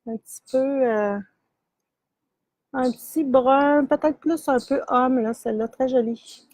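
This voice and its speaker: Slow and high-pitched with a darkish tone, a yarn shop host chats through a live product demo of yarn and sock blanks. She's middle-aged with a Québécois French accent, uses lots of fillers, laughs easily, and the recording is dry.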